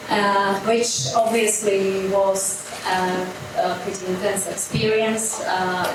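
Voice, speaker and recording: A middle-aged woman from Slovakia, a doctor, giving a business pitch at an evening event, hesitant with many fillers. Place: event room. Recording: echoey room, mic far off, noisy.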